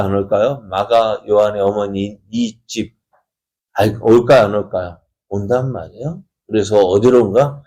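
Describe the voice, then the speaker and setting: Male pastor, low mellow voice, storytelling sermon that keeps asking the congregation questions. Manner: acts out the characters' dialogue in changing voices. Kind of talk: sermon at early-morning prayer service.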